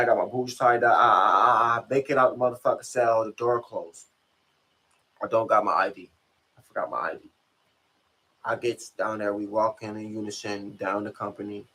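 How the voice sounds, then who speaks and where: A man's voice: on the low side, a bit bright, poor audio. A young man casually tells a story, slangy and profane, often checking that the listener follows. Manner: slangy, profane, keeps asking if you follow. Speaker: rapper and channel host.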